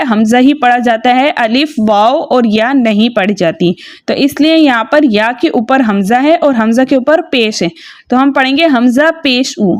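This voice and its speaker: A woman teaching Quran recitation rules patiently, step by step, spelling out syllables slowly. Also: high voice, no echo. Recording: slightly dull lo-fi recording.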